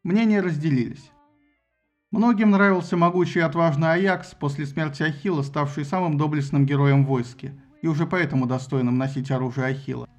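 A man's voice: fairly high pitch, brisk, faint music behind. Man narrating an ironic audiobook. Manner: lively ironic storytelling.

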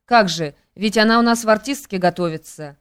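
A woman puts on a young woman with a sarcastic tongue who snaps at her companion. The voice is clear and smooth. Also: medium pitch, brisk, close to an everyday voice. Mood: scolding.

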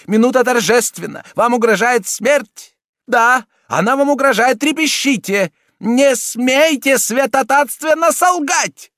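A man voicing a wrathful, scheming elderly Italian cardinal who shouts and hectors. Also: very high voice, dry recording, studio quality, voice pushed up.

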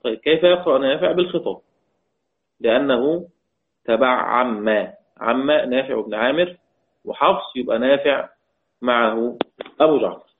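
Patient male recitation teacher, plain mid-pitched voice, narrow tinny phone-quality audio. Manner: slow, repeats verse lines and quiz questions to students; chants quoted verses in a drawn-out recitation tone. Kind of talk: recorded online lesson.

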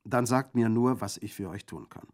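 A man reading a calm young lieutenant. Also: lowish voice, moderate pace, pitched above the performer's own voice, lightly acted. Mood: earnest. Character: earnest young male lieutenant.

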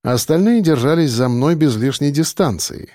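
A male audiobook narrator with a dark, mellow timbre, telling a first-person story in a steady and tense way. The recording is dry and close, with no room around the voice. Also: fairly high pitch, normal speed, no echo.

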